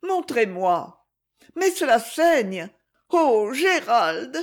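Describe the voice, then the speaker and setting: A woman reading aloud, voicing a lively, affectionate young noble girl in a storybook. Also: measured pace. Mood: tender. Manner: eager, fond, high-spirited.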